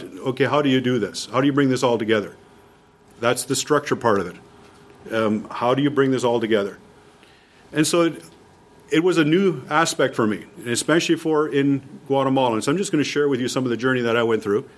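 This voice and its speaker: Presenting at a workshop as mission leader, this man speaks with a Canadian accent in a mid-range voice at a fairly quick clip. His instructional talk to the group is informal and emphatic, and he returns to his main points again and again.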